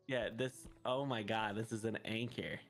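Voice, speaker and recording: A man's voice: lowish voice, steady tone, moderate pace, a bit bright, faint music behind. A man playing a co-op game with a friend, teasing and laughing as he plays. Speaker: co-op partner. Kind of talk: casual gaming chat.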